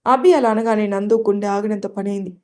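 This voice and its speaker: Woman narrating a story in a mellow voice. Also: mid-range voice, fairly even intonation, brisk.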